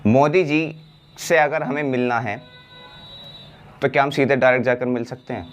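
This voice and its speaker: Man, English teacher, slow repeated examples, rhetorical questions, lesson talk. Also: medium pitch, fairly even intonation, soft background music. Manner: explains slowly, repeats phrases, asks himself rhetorical questions. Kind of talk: classroom-style spoken lesson.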